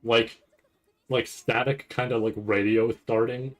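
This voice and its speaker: Speaking a little slowly at medium pitch, a man keeps a level tone while hosting a reaction stream. It's a casual, meandering chat of fragmented thinking aloud, and he often caps his points with a questioning check.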